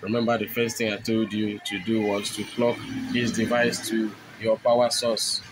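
A man narrating a step-by-step phone tutorial, explaining each button press in steady, repetitive phrasing. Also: on the low side, normal speed, background noise. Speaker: tech tutorial host.

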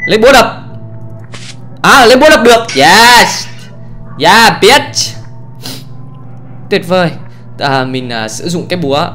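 A man giving let's play commentary on a horror game, excitable and often exclaiming and swearing casually. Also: high voice, a little slow, long pauses, soft background music. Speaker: gamer, channel host.

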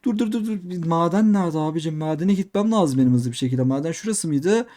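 A young man doing excitable game commentary, repeating himself and talking straight to his viewers. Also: on the high side, fast. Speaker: gaming youtuber. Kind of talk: let's play commentary.

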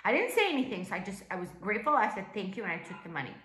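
A woman's voice: mid-range voice, sing-song, very fast, a bit bright, reverberant. A woman venting a long story to camera in a casual, exasperated way, swearing often and acting out the voices of the people she quotes. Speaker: vlogger. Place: room in Calabria.

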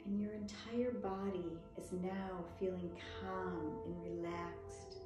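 Slow, echoey woman guiding soft meditation. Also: on the low side, fairly even intonation. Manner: soft, soothing, gentle delivery with long pauses. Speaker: meditation guide. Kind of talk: guided relaxation meditation. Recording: very echoey, with music behind. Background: music.

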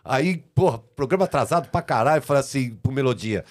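A man, a podcast guest telling stories in a casual, animated and profane way. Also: a little fast. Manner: animated, profane, shifts into shrill quoted voices. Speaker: podcast guest, music producer. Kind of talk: casual storytelling.

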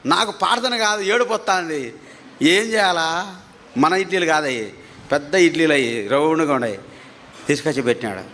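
A man preaching his testimony as a story, animated, his pitch climbing at tense moments, repeating phrases for emphasis. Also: brisk, long pauses.

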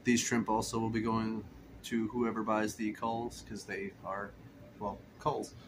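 A hobbyist vlogger wanders his indoor fish room full of tank rows, recording on a handheld phone while chatting in an easygoing, rambling manner. His voice is fairly low-pitched and flat, he speaks a little slowly, and there's background noise.

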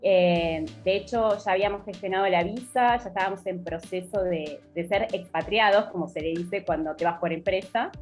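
Argentine woman, 40s, podcast guest on a laptop mic, steady storyteller, faint music under. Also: on the low side, normal speed, hardly any pauses. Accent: Buenos Aires Argentine. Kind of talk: casual video-call interview. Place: home room.

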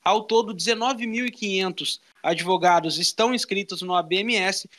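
A young Brazilian man reporting live into a handheld mic in a small studio. His voice sits high and bright, with a crisp edge. He talks through the figures conversationally, often checking in with a quick "tá?". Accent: Brazilian Portuguese. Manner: informative, conversational, with filler "tá?". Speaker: radio reporter. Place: small radio studio with meeting table. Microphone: handheld microphone.

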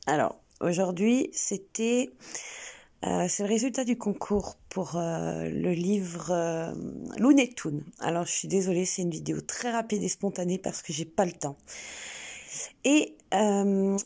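Hesitant French woman with a mellow voice. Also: on the low side, unhurried, vocal fry. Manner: hesitant, many fillers and restarts; coos sweetly to her pet. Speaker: channel host. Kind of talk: spontaneous home video chat.

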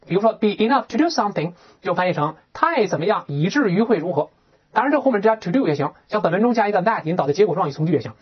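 Brief: fast-talking teacher with a husky voice, bouncy pitch, on a dull lo-fi recording. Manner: lively, asks rhetorical questions, reads example sentences aloud. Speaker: English teacher. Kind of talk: explaining a textbook lesson in Chinese.

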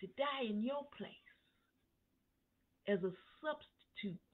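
A woman pastor preaching at a Bible study, in a slow, emphatic cadence that rises to fervent peaks. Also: fairly high pitch, lively intonation. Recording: tinny phone-line sound.

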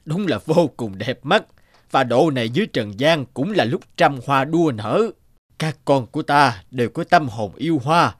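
An actor playing an old, doting heavenly emperor in a cartoon fairy tale, stately and indulgent. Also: male voice, medium pitch, lively intonation, moderate pace, no room sound, clean studio sound, lightly acted. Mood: pleased, benevolent.

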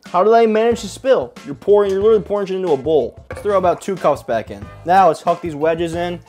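Male cooking-vlog host, quick fast patter, crude jokey humor, home kitchen. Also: high voice, animated, a little mellow, soft background music. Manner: joking and profane, chatty.

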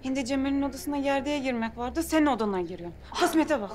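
A woman's voice: high voice, quick pace, close to an everyday voice. An actress playing a flustered, chatty young village woman who speaks in a TV comedy. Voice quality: rambling, folksy. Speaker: village bride Kamuran. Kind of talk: TV comedy acting.

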